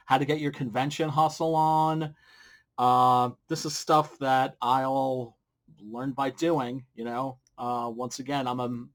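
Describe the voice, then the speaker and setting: In a small wood-panelled room at home, a middle-aged comic book creator hosts his video series, giving casual instructions to the camera. His medium-pitched voice comes across blunt, informal and slightly profane, captured through a big boom-mounted studio mic with a pop filter.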